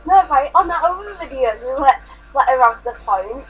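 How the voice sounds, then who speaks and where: A woman's voice: high voice, expressive, normal speed, a bit bright, highs cut off, soft background music. A woman bantering casually in an exclamatory way during a challenge video. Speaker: contestant in a burping contest.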